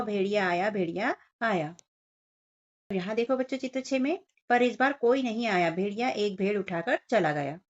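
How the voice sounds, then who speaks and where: This medium-pitched woman is teaching little children from a Hindi workbook. Speaking straight to them, she breaks down each picture and question step by step, and the sound is muffled and lo-fi.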